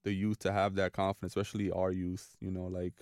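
A man's voice: low-pitched, monotone, quick pace, a little mellow, smooth, dry recording, clean studio sound. A young man from New City, a guest in a casual interview, talking earnestly and motivationally with many "you know"s. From New York City. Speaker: podcast guest, mental health advocate.

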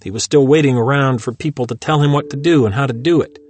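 A man reads scripted self-help audiobook narration as a therapist, in a measured, instructive way. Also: medium pitch, darkish tone.

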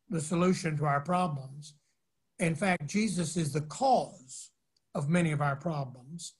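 A man's voice: fairly high pitch, slightly rough. Wry older man on a video call. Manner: animated, wry, with frequent stammered restarts. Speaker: guest, former college chaplain. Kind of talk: conversational interview answers.

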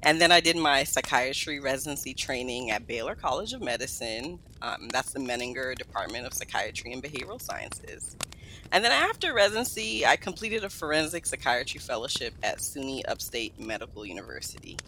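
A woman in her thirties, born in Guyana and raised in Brooklyn, New York, talks as a psychiatrist guest on a podcast interview, upbeat, lively and quick to laugh. Her voice is extremely low and a little fast. The recording is rough, with a slight hiss or hum.

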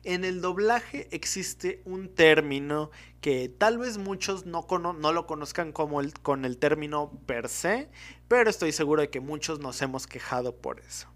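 A young man speaks in a slightly high-pitched voice. He talks casually and straight to his viewers. He rambles, backtracks and interrupts himself as new points come to mind. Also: lively intonation, moderate pace, a bit bright. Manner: chatty and digressive, self-interrupting. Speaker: video commentator. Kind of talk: casual monologue to camera.

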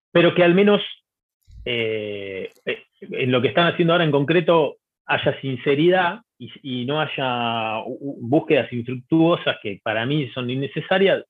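A man talks through his thoughts hesitantly, with many fillers. His voice is husky, and it comes through a tinny, phone-like line. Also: mid-range voice. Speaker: panelist. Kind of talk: casual music debate.

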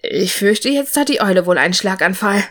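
A woman voicing an affectionate, teasing young male dark mage in a storybook, speaking in a soft murmur. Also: mid-range voice, animated, brisk, natural voice. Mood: dry.

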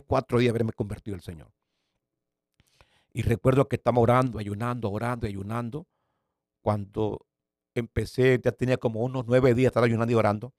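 Evangelist guy in his 50s telling his testimony, big swings loud to whisper-quiet, repeats words for effect, dry close sound. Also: medium pitch, no echo. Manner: dramatic storytelling, swinging between loud bursts and hushed near-whispers. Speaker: evangelist pastor. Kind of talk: personal faith testimony.

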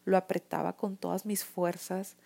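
An earnest woman with a Mexican accent tells her personal story to the camera. Her voice sits low and mellow, with a fairly flat melody, and she often restarts her sentences as she searches for words. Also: normal speed, vocal fry. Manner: earnest and emotional, many restarts and "o sea" fillers. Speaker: vlogger sharing her experience. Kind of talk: personal testimony talk to camera.

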